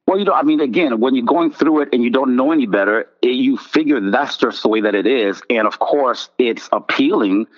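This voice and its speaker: A man's voice: medium pitch, brisk, hardly any pauses, highs cut off. A middle-aged man from Haiti, a guest telling his life story in a reflective, earnest way. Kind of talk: testimony interview.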